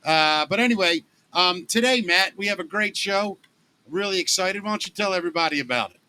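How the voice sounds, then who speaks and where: Guy hosting a podcast, bright voice, super enthusiastic, kinda high. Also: animated, fairly quick. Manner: enthusiastic, effusive. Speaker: podcast co-host. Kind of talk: casual podcast chat.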